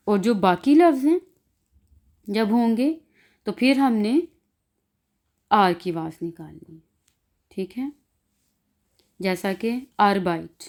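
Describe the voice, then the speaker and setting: A woman with a Pakistani Urdu accent teaching an online class, speaking slowly and drawing out and repeating each example sound. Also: mid-range voice, darkish tone. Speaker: language teacher. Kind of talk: online class explaining pronunciation.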